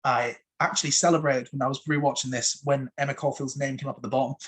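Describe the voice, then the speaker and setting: A man talks through his favourite TV episodes in a casual, eager way. His voice is a little husky and sits at an ordinary middle pitch. He stumbles and restarts often as his enthusiasm runs ahead of him. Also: quick pace. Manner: excitable, fond of "so much fun"; frequent fillers and restarts. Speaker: TV episode reviewer.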